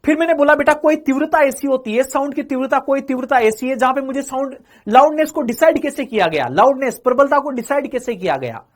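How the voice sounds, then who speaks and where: A male physics teacher with a notably high-pitched voice gives an exam-prep lecture. He keeps asking the class questions, calls them "beta", then answers the questions himself. He repeats each phrase two or three times. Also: quick pace.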